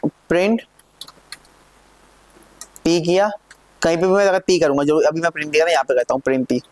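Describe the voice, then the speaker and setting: A man teaching a live programming lesson, talking through code step by step and often asking his students whether it is clear. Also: on the high side, fairly even intonation, fairly quick, no room sound. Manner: checks in often with questions to students. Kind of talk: live classroom coding lesson.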